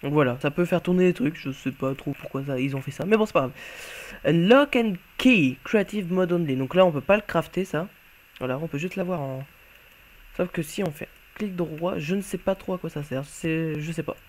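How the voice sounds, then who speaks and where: A man with a somewhat high voice walks through a game mod in relaxed, chatty commentary. He thinks aloud as he plays, offhand and unpolished. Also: moderate pace, a little hiss or hum. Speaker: YouTuber showcasing a game mod. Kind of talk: casual gameplay commentary.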